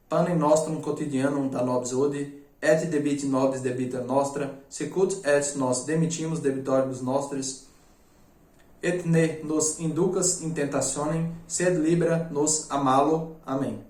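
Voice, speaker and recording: A man's voice: on the high side, reverberant. A man giving an informal spiritual class, chatty and stumbling over his words. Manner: chatty, stumbling, reciting prayers slowly. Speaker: spiritual teacher.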